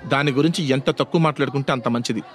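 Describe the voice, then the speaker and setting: A man voicing a proud, sharp-tongued young college woman in an audio story, scolding and scornful. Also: on the high side, fast, some chatter behind, close to an everyday voice. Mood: harsh.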